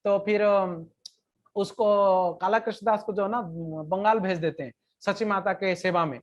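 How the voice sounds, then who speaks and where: A woman retelling a scripture story in a devotional lecture, in a plain conversational way, with slow recited verses now and then. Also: medium pitch, lo-fi sound.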